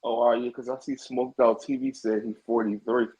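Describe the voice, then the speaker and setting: Man, husky low-middle voice, rambling casual chat, livestream host. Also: little pitch movement, fairly quick, dark tone, faint music behind, rough recording. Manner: rambling, loose.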